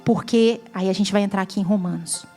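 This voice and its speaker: Faint music sits behind a fairly quick, steady, dark-toned mid-range voice. It belongs to a woman from Brazil, a guest preacher with a Brazilian Portuguese accent, whose testimony sermon at a church gathering is heartfelt and climbs into fervent emphasis.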